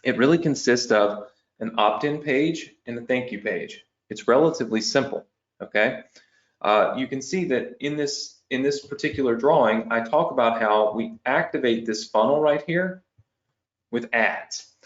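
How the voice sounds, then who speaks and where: The hoarse-voiced instructor walks through his online business lesson one step at a time, standing at a whiteboard. He speaks at medium pitch and normal speed, tacking "okay?" and "right?" onto each point. The sound quality is lo-fi.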